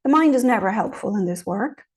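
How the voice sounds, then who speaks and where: A woman speaks a little fast, her medium-pitched voice lively in intonation, as she informally teaches meditation. Conversational and encouraging, she answers questions and checks in frequently.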